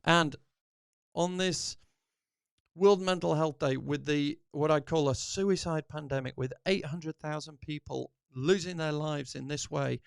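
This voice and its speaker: A man's voice: fairly high pitch, measured pace, creaky, clean tone, dry recording, clean studio sound. A middle-aged man hosting a podcast, giving an earnest, encouraging motivational talk that rambles with restarts. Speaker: podcast host.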